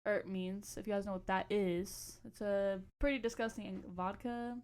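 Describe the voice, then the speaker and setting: A woman's voice: mid-range voice, fairly even intonation, normal speed, darkish tone, clear, resonant tone. A young adult woman co-hosting a podcast, telling stories in a casual, slangy, rambling way and often losing her thread. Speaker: podcast co-host. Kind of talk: casual storytelling chat.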